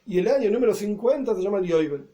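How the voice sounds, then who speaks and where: A man's voice: high voice, expressive, quick pace, warm tone. A man teaching a Talmud lesson as a rabbi, reading Hebrew and Aramaic phrases and explaining each one in Spanish, with asides and self-corrections.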